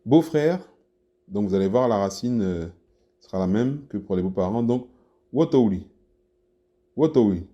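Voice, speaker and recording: A man's voice: on the low side, normal speed, dark tone, dull audio. A man teaching a language lesson, patiently repeating and breaking down words for learners.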